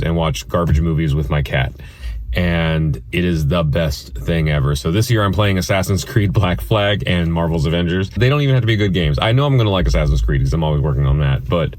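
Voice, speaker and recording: A man's voice: sits low, a little mellow, no echo. A man of about forty, chatting casually and rambling through a holiday message. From Indiana, US Midwest. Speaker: guest sharing a holiday message.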